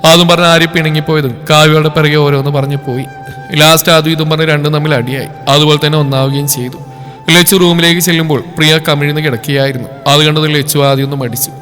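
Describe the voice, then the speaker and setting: A man narrating a serialized novel, reading the story briskly. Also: a little high, fairly even intonation, fairly bright tone, in a large hall, faint music behind.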